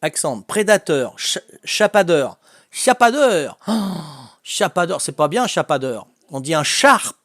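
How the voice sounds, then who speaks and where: A man with a Corsican French accent hosting a casual family quiz, chatty and quick to laugh as he reads out the answers. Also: fairly high pitch, lively intonation, fairly bright tone, no echo, studio quality. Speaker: quiz host.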